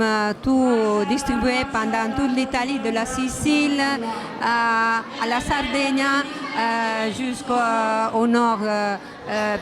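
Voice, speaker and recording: Hesitant woman with foreign-accented French, slow delivery. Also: fairly high pitch. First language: not French. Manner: hesitant, searching for words in imperfect French. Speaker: interviewee, religious association secretary. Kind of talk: interview answers. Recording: loud music behind the voice. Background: loud music.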